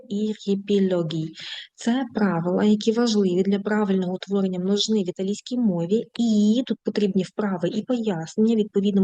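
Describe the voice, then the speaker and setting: A woman teaching an online language lesson, reading word lists slowly and patiently and speaking to her students affectionately. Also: medium pitch, warm tone, highs cut off.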